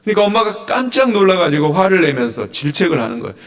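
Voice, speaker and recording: Male pastor, lively sermon delivery with a somewhat high voice, recorded from a distance in a reverberant church hall. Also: fast talker. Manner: animated preaching with many questions to the congregation. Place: church sanctuary.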